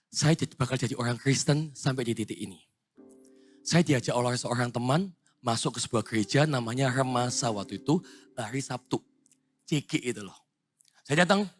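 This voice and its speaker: A young man preaching a youth sermon, sharing his own testimony, swinging from loud exhortation to hushed confession. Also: mid-range voice, slightly rough. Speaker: pastor. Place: church hall with live music.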